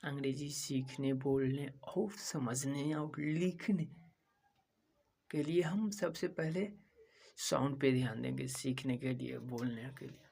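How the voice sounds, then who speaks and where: A man from India teaches English in a slow, gravelly voice of medium pitch, with a darkish tone, a breathy edge, and fairly even intonation. He drills each word repetitively, spelling it letter by letter, repeating it, and asking questions he then answers himself.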